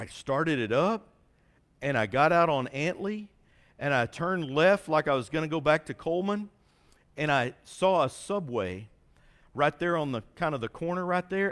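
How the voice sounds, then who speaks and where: Animated preacher telling a story. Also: male voice, fairly high pitch. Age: 40s. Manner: animated, self-mocking storyteller with a folksy drawl. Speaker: pastor. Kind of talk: sermon storytelling. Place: church sanctuary.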